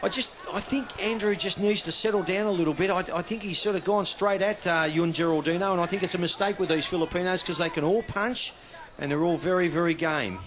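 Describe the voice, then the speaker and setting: High-pitched Australian male boxing commentator. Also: a little fast, fairly bright tone, a little hiss or hum. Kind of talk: live sports commentary.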